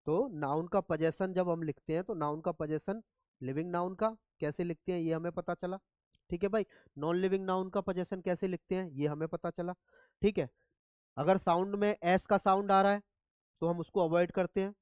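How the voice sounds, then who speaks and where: A man's voice: high-pitched, steady tone, normal speed, a little mellow, smooth, no echo. A man teaching English grammar in a classroom lecture, often checking whether students follow. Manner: asks students repeatedly if they follow.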